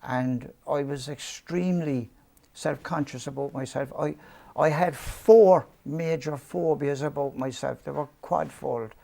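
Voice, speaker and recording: Gravelly and dark in tone, this slightly slow, higher-leaning voice belongs to a man in his seventies from Cork, Ireland. Years in London have softened his accent, and as an interview guest he reminisces about his youth in meandering, self-mocking tales with frequent ums and false starts.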